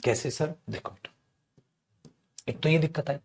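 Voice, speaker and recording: A man teaching English grammar in an online class. He teases and coaxes his students, calls them "beta" and "chhutku", acts out their questions and drags key phrases out slowly for emphasis. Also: fairly high pitch. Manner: lively, teasing, addresses students as beta and chhutku.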